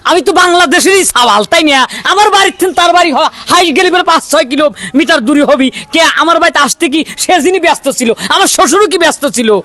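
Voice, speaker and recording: A man, playing a hot-tempered husband who shouts and quarrels. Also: very high-pitched, expressive, fast, no room sound, heavily acted. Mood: angry. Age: 30s. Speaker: angry husband in a staged news drama.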